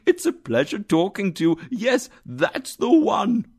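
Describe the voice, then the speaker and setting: A man voicing an old male miser who cries out in an excitable, exclamatory way. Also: sits high, unhurried, vocal fry, slightly rough, pitched above the performer's own voice, heavily acted. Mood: giddy.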